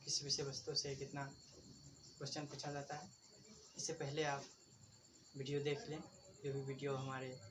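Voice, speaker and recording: A man teaching grammar in a video lesson. He asks questions and answers them himself, repeats key points, and calls his listeners friends. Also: a little high. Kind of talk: classroom-style video lesson. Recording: distant mic with faint background noise.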